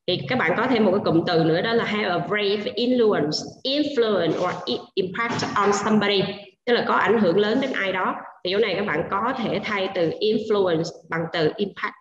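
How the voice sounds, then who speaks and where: A woman's voice: medium pitch, a little hiss or hum. Vietnamese-accented woman teaching English online. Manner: mixes Vietnamese and English, explaining word stress patiently. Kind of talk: online class vocabulary review. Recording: echoey dull room sound.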